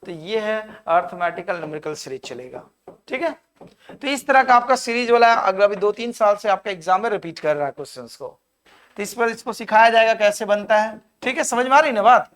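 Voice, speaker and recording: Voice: mid-range voice, animated, brisk, a bit bright. A reasoning teacher, giving a live classroom lecture, counting aloud and urging students to answer. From Jharkhand.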